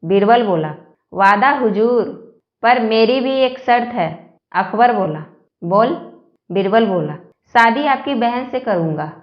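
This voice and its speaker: A woman reading a series of short jokes aloud, telling them slowly and evenly with the quoted lines. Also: on the high side, reverberant, muffled recording. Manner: slow, even joke telling with quoted lines. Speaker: joke narrator.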